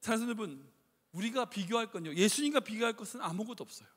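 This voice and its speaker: A man's voice: high voice, expressive, rapid-fire, a bit bright, slightly rough. A male pastor preaching a sermon in a church, conversational and emphatic, asking the congregation rhetorical questions. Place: church sanctuary. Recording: echoey hall reverb.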